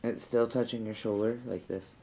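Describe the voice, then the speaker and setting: A man on a paranormal investigation, asking spirits questions aloud in a hushed, casual way. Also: lowish voice, fairly even intonation, normal speed, slight background noise. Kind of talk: casual ghost-hunting session. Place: old former brothel building, indoors.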